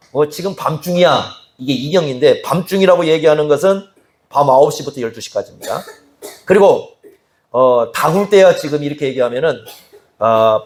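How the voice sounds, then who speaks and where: Chatty male pastor, slightly high voice. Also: a little mellow. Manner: conversational, keeps asking the congregation questions. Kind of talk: expository sermon. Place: church sanctuary.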